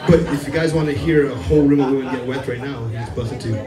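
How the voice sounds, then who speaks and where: Recorded far from the mic, a mid-range male voice talks fast through a rambling stand-up set. He mocks himself and laughs at his own jokes in front of a live club crowd, and the roomy audio carries crowd laughter.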